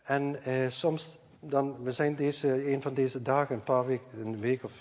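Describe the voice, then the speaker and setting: An older man, a grandfather, preaching a sermon in earnest, repeating key phrases and moving between loud stresses and quiet asides. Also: mid-range voice, fairly even intonation, a little slow. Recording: long hall reverb.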